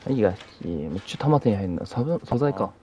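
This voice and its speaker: A man giving casual, excitable commentary on a horror game he is playing, reacting loudly, joking to himself and mouthing silly sound effects. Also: on the low side, fast talker, dull audio. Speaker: let's play commentator.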